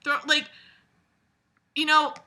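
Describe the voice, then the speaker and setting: A woman with a high, monotone, slow voice that's pushed and bright reads a book aloud and casually critiques it. She's blunt, exasperated and sweary, adding sarcastic commentary.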